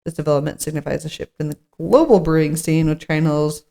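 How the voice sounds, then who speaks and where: A podcast co-host with a low, mellow voice and vocal fry speaks a little fast in a steady tone. She muses aloud informally and reads out articles during casual chat.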